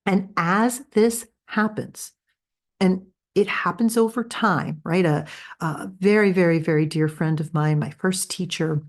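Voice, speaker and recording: In a gentle guided spiritual talk, a woman hosts a spiritual healing podcast. Her fairly low voice is soft, earnest and reassuring, unhurried, with frequent restarts and tag questions.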